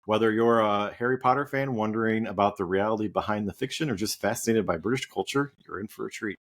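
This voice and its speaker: Low-voiced male podcast host. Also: quick pace. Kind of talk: podcast interview.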